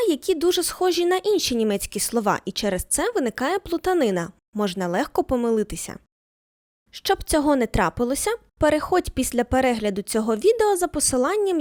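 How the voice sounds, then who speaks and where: High, lively woman teaching German. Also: no room sound, studio quality. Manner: reads German examples slowly twice, then translates. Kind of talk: scripted language lesson.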